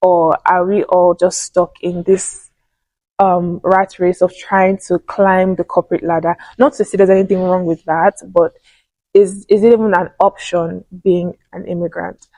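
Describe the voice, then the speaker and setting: A woman's voice: fairly low pitch, flat delivery, measured pace, dark tone, no echo, poor audio. A young woman hosting an interview podcast, upbeat and encouraging, with frequent affirmations. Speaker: podcast host. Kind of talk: casual interview chat.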